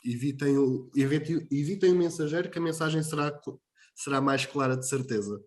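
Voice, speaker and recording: A man hosting an online talk session on a video call, friendly and relaxed. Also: fairly high pitch, brisk. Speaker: host.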